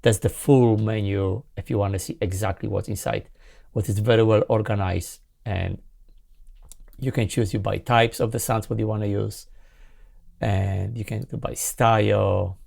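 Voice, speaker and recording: A non-native English speaker in his forties hosts a casual synthesizer tutorial from a small indoor home music studio, showing off a synth plugin as a sound designer with enthusiastic, halting delivery. His voice is lowish, gravelly, and steady in tone. Loud synthesizer sounds and music play behind him throughout.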